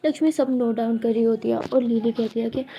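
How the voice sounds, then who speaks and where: A woman storyteller narrating a story in a soft, conversational way. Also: a little high, steady tone, fairly quick, slight background noise.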